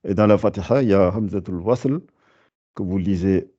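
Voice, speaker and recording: A man's voice: low-pitched, moderate pace, dark tone, highs cut off. A man teaching a lesson, explaining patiently with many fillers and restarts. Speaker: Quran recitation teacher.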